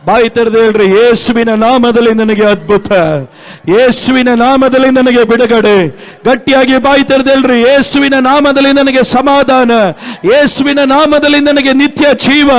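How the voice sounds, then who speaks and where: A man's voice: extremely high pitch, fairly bright tone. A male pastor, preaching and leading his congregation in prayer with repetitive, fervent chants. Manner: repetitive call-and-response exhortation.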